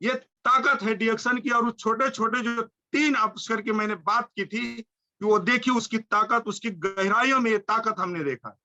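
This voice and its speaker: Fervent high-pitched man, lo-fi sound. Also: a little slow, sharp tone. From India. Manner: fervent, repetitive chanting phrases. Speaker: motivational speaker. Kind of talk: high-energy motivational speech.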